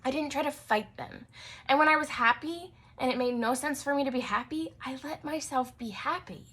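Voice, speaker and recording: A woman's voice: high-pitched, moderate pace, fairly bright tone. Chatty young woman hosting a podcast. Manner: chatty, frequent "like" and "um" fillers, laughs often. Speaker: podcast host, naturopathic doctor. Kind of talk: casual solo podcast talk.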